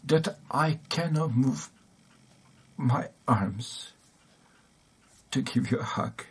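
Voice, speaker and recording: A man voicing a maimed, forgiving old male prisoner, speaking earnestly and softly within a sermon. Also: medium pitch, drawn-out words, husky, heavily acted. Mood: tender.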